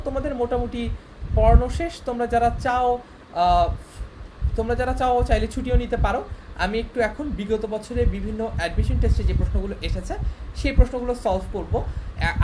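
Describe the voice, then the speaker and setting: Young man, teacher, online lecture, step-by-step explanations, noisy recording with clicks. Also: high-pitched. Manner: explains step by step, often checking with listeners.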